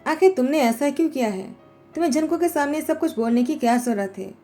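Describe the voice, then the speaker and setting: A woman lending her voice to a proud young husband who answers sharply and deflects with questions. The voice sits a little high and mellow, read as part of a storytelling recap with faint music behind. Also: lively intonation, fast. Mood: scolding. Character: brooding young husband, cold and defensive.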